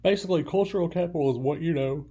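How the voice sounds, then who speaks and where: A man's voice: a little high, fast talker, mellow, husky. A man giving a recorded lecture in a loose, casual way, full of fillers and restarts, now and then stifling a yawn. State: yawning. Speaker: college lecturer.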